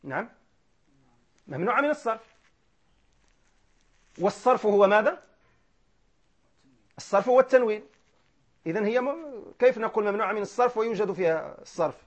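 A man teaching grammar, who asks questions and answers them himself, repeats key terms and slowly recites verses. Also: sits high, lively intonation. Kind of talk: classroom grammar lesson. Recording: dull lo-fi lecture recording.

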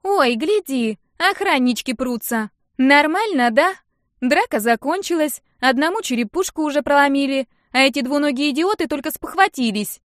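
A brash, sharp-tongued young woman, voiced by a woman reading an audiobook, loud and mocking. Her voice sits high above the reader's own. The recording is dry and close. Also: lively intonation, normal speed, dry recording.

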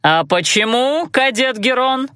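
A woman's voice: high voice, expressive, a little slow, fairly bright tone, no echo, studio quality, pitched above the performer's own voice. Woman voicing a barking sarcastic magic drill instructor. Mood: stern commanding.

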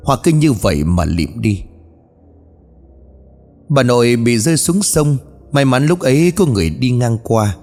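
A man's voice: mid-range voice, very animated, a little slow, long pauses, a little mellow. A man tells a ghost story in a scripted narration and voices each character himself. His voice carries a long hall reverb, with faint music playing underneath.

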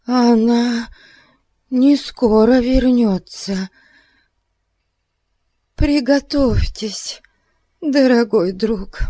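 Woman putting on a sugary scheming lady, high and drawn out, fake concern all over. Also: very slow, pauses often, warm tone, no echo. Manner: gushing, falsely solicitous. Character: scheming, sugary middle-aged clergyman's wife.

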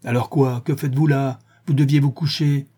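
A man reading aloud and voicing a curt, imperious English detective who scolds with sharp questions. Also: medium pitch, normal speed, breathy edge, close to an everyday voice. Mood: scolding.

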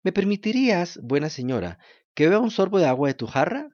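Guy doing a squeaky cheeky puppet boy, whiny and lively, dull dry recording. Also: brisk, dry recording. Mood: pleading. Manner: high pleading childlike voice, stammers when moved. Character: boy wooden puppet, lazy, cheeky and tearful.

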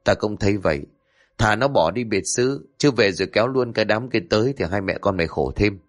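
A man's voice: fairly low pitch, expressive, soft background music. A man doing a blunt, gossipy old village woman. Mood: gossiping. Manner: rapid gossipy chatter, coarse familiar address. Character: older village woman, blunt nosy neighbor.

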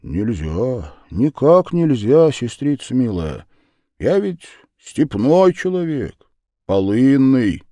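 A man voicing a warm older brother from the steppe in a storybook reading, hearty and kind. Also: mid-range voice, big pitch swings, slow, dry recording, pitched above the performer's own voice. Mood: tender.

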